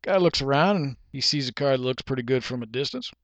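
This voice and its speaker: A man's voice: mid-range voice, fast, a bit bright, dry recording, lo-fi sound. A man delivering a preachy, lecturing monologue that he illustrates with a parable. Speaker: monologue speaker.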